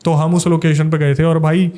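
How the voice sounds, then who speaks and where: A man's voice: a little high, flat delivery, moderate pace, warm tone. A young man from Delhi, a paranormal investigator, telling a suspenseful ghost story in a casual podcast interview.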